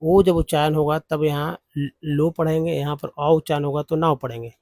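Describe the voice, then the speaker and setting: A man teaching English phonics from slides, explaining word parts slowly. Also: a little high, fairly even intonation, a little mellow, no echo. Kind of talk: slide-based phonics lesson.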